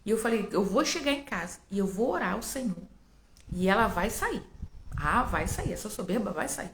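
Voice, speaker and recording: Gravelly-voiced Brazilian woman telling a testimony. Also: medium pitch, lively intonation, normal speed, reverberant, a little hiss or hum. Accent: Brazilian Portuguese. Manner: emotional, storytelling, addresses listeners as "gente". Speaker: preacher sharing a testimony. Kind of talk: spoken testimony to a church audience.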